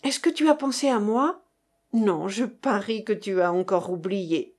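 A woman voicing a small, lively young Polish woman student with rolled R's. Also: medium pitch, a little slow, natural voice. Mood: eager.

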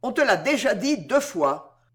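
A woman voicing a grumpy, impatient gentleman who grumbles and snaps at the others. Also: on the high side, sing-song, a little slow. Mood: grumbling impatient.

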